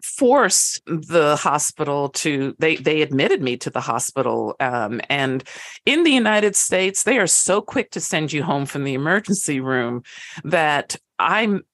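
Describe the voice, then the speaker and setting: A woman's voice: low voice, sing-song, measured pace, fairly bright tone. A woman in her fifties talking casually as an interview guest, enthusiastic and chatty with frequent restarts. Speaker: guest, network founder.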